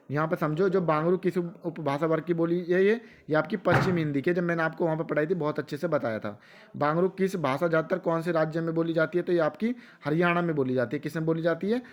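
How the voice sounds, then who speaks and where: A man's voice: on the high side, quick pace, muffled recording. A man teaching an exam-prep lesson with a western Uttar Pradesh accent, asking quiz questions and answering them himself, repeating each answer for emphasis. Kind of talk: rapid quiz-style lecture.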